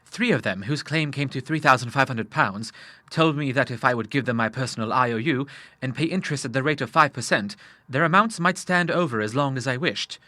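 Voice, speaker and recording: A man with a medium-pitched, brisk, sharp voice close to an everyday one voices an earnest, honourable grown son in an audiobook. He speaks formally and with emphasis, sounding earnest and worried, with no room sound.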